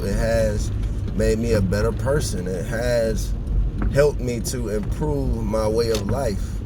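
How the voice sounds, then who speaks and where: Male vlogger, slow and reflective, halting delivery, slushy sh-like s, very noisy distant recording. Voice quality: slushy, whistly sh-like s from a dental retainer. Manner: hesitant, halting, thinking aloud. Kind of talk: reflective personal vlog, casual monologue. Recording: noisy, distant mic, vehicle-like rumble.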